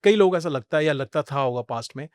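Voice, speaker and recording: A middle-aged Indian man, a guest on a podcast, tells stories animatedly in Hindi, often slipping in English phrases. His voice sits on the high side and moves fast. The recording is clean, studio-quality, with no echo.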